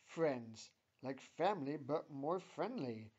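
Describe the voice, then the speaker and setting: A man voicing a cheerful, goofy boy who speaks loudly. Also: on the high side, expressive, slow, slightly rough, dull audio, pitched above the performer's own voice, exaggerated voice. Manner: cheerful, loud.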